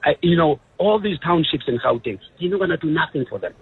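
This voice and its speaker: A man with a South African accent calling in to a radio show, emphatic and complaining, with loud rises in his voice. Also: fairly high pitch, animated, quick pace, creaky, husky. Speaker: radio caller. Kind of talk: phone-in opinion. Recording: lo-fi phone line.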